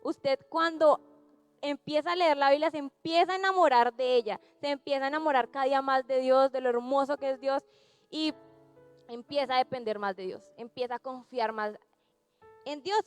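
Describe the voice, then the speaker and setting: A woman's voice: high voice, normal speed, faint music behind. A young woman giving a sermon to young people, talking conversationally and asking the listeners questions. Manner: conversational, asks the audience questions. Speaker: youth preacher.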